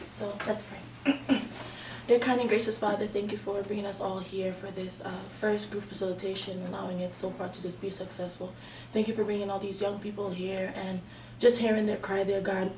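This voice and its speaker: A woman in her twenties with a medium-pitched, mellow voice leads a student group meeting, speaking earnestly and prayerfully with many fillers. The recording is echoey, with a distant mic and background noise.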